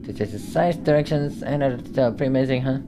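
A chatty, posh seagull guide, as a man puts him on while reading game text aloud. He walks the player through each step in a light, airy tone. Game music plays clearly underneath. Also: mid-range voice, fast talker, natural voice. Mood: cheery. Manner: posh, chatty tutorial narration.

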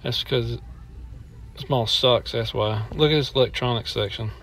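A man's voice: medium pitch, normal speed, fairly bright tone. A middle-aged man walking through an indoor shopping mall with a handheld phone, complaining bluntly as he films. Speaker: vlogger. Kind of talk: walking mall tour vlog.

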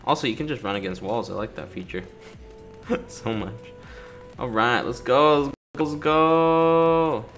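Here a male YouTuber plays through a game, joking around in slang and addressing the characters directly. He speaks a little slowly in a mid-range, slightly bright voice, with soft game music in the background.

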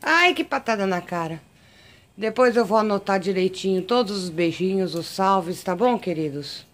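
A woman's voice: medium pitch, normal speed. Doting Brazilian woman cooing at cats. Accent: Brazilian Portuguese. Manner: doting baby talk to cats, excited squeals. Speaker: pet vlogger. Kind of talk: casual chat filming pets. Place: home garden and garage.

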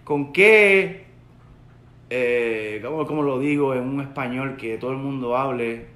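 A rabbi in his forties from Puerto Rico teaches Torah earnestly to a webcam, repeating his key points, indoors in his home study with bookshelves. His voice is medium in pitch, a little slow and fairly bright in tone, with a Puerto Rican Spanish accent. The sound echoes roomily.

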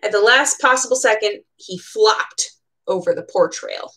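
Her voice is medium in pitch, fairly bright and unhurried, with lively intonation. She's an American bookseller in her twenties reading a children's picture book expressively at storytime in a small room at home, adding chatty, casual asides.

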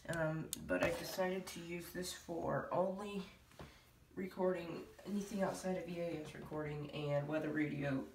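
A woman with a fairly low, slightly mellow voice speaks at a normal speed with fairly even intonation. A hobby video creator, she gives her viewers a casual, hesitant, rambling vlog update from a small room at home. It's captured on a handheld camera or phone mic, so the sound is roomy and distant with light noise.

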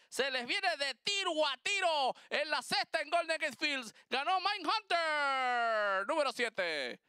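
A man calls horse races live in an excited, driving manner. His voice is high and forceful, recorded dry with no room sound. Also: no room sound. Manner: excited, driving race-calling. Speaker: horse race commentator. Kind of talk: live race commentary.

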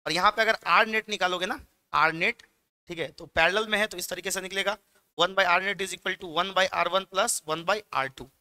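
A man's voice: sits high, fairly even intonation, normal speed, bright, forceful tone, clear, resonant tone. A young man with a Bihari Hindi accent teaching physics exam questions in a chatty, joking classroom manner, mixing in English terms. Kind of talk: exam-prep lecture.

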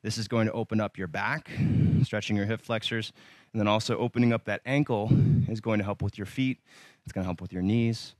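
A man leading a yoga workout, giving calm, encouraging cues with light humor and sometimes slightly out of breath. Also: lowish voice, a little fast, dry recording. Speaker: yoga instructor. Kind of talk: guided yoga class instruction.

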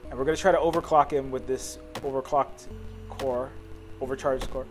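A man's voice: mid-range voice, fairly even intonation, normal speed, faint music behind. A man giving casual, joking gameplay commentary as a let's play host, thinking aloud as he goes. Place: voice-over on game capture, music behind.

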